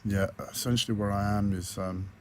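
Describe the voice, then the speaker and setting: A vlogger with a croaky, hoarse voice keeps a personal video diary on a tablet, speaking low and flat. His delivery is brisk yet hesitant, packed with fillers and restarts, and a faint background noise runs beneath the recording.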